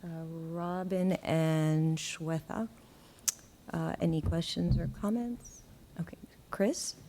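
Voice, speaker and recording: A woman chairing a school board meeting, calling for motions and questions in a brisk procedural way. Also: low voice, dark tone, slight background noise.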